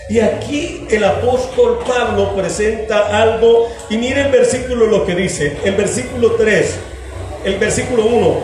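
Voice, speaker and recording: A pastor delivers a sermon to his congregation in a fairly high voice, slowly and deliberately, posing questions and acting out little scenes. He sounds distant in a very echoey church hall, with music playing behind him.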